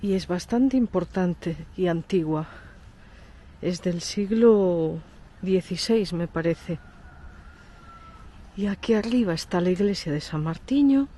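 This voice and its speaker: A travel vlogger hosts a casual guided tour outdoors in a village, chatting and pointing things out as she walks. She has a stuffy cold, so her voice sounds nasal and congested. It's on the low side and mellow, with lively intonation, a slow pace and frequent pauses.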